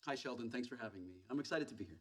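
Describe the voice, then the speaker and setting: An actor playing a celebrity guest presenting an amateur web show with deliberately bad, stagey acting in a sitcom. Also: male voice, mid-range voice, animated, a bit bright, breathy edge. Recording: noisy played-back TV sitcom clip.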